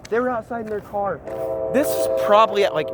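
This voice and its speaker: A man casually telling a scary story to friends while walking outdoors through a neighborhood, rambling and animated. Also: high-pitched, a little fast, very noisy.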